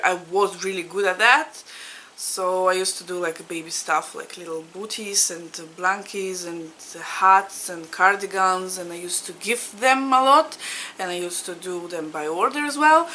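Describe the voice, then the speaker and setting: A woman's voice: fairly low pitch, sharp tone, a little hiss or hum, rough recording. A woman in her thirties from Latvia, a native Russian speaker, chatting casually to camera as a needlework vlogger, laughing often and searching for words. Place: home in Ireland.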